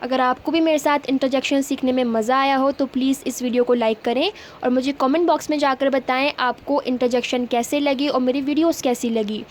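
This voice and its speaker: High-voiced woman teaching English grammar. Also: fairly even intonation, a little hiss or hum. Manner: explains in Hindi, slowly acts out English example sentences. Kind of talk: grammar lesson.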